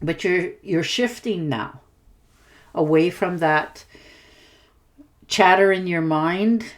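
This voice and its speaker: Lady reading tarot cards, kinda low voice, chatty and reassuring, lots of "you know". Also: slow. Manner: warm reassuring talk with fillers; hiccuping at times. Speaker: tarot reader.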